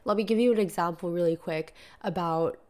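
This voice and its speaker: A young woman hosts a solo podcast in a low, darkish voice, speaking a little fast. She chats casually despite a stuffy nose and sore throat, leaning heavily on "like" and "you know."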